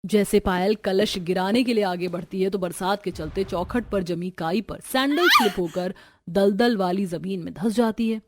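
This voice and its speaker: A woman's voice: medium pitch, moderate pace, heavy background noise. A woman narrating a family cartoon story in a dramatic storytelling manner. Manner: dramatic, switches between narration and character voices. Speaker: narrator voicing all female characters.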